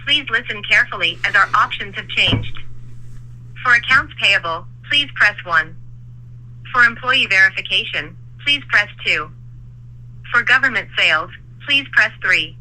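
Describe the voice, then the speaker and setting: Bright recorded phone menu voice. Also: medium pitch, rough recording. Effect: recorded automated phone menu. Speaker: automated phone system greeting. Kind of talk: scripted menu prompts.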